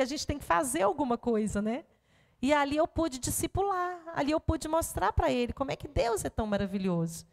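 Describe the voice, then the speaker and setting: A woman's voice: high-pitched, long reverb tail. A woman pedagogue giving a parenting talk at a church, telling stories and speaking directly to her audience. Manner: animated storytelling to an audience. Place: church hall before an audience.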